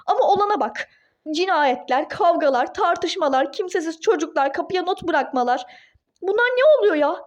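A woman's voice: very high voice, moderate pace. A woman voicing a furious, indignant young wife in a toy-game role-play drama, speaking in exclaiming outbursts. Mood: outraged.

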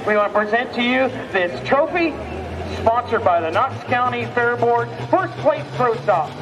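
A man's voice: very high-pitched, expressive, normal speed. A man with an American accent announcing a tractor pull live over the PA, calling out names, distances and sponsors at an outdoor track. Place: outdoors at a fairground pulling track. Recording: noisy outdoor track with engines.

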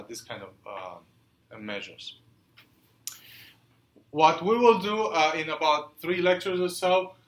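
A man's voice: mid-range voice, a bit bright, slight background noise. Man lecturing in an echoey hall. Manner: halting, many fillers, asks the class questions. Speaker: university lecturer. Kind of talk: classroom lecture.

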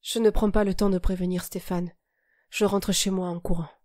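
Brief: female audiobook narrator, calm and measured first-person reading, mellow tone, dry close sound. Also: medium pitch, dry recording.

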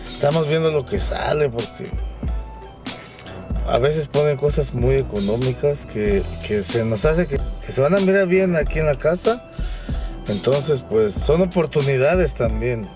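A man's voice: fairly high pitch, expressive, measured pace. A man with a Mexican Spanish accent, chatting casually to his viewers in a family vlog. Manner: friendly, chatty, addressing viewers as friends. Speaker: family vlogger. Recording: music playing in the background.

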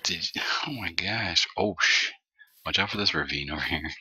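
A man chatting casually and excitably while playing a game with a friend, laughing often. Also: low voice, normal speed, slightly rough, no room sound. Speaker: co-host of a gaming channel. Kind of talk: casual gameplay chat. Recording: noisy background.

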